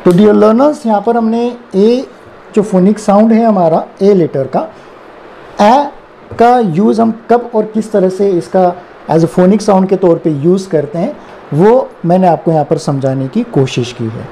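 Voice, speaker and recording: Indian male tutor, unhurried and patient, spells out each word then says it again, soft darkish tone. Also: high-pitched, creaky, a little hiss or hum. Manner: spells words letter by letter, then repeats them. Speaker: English teacher. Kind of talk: slow explanatory phonics lesson.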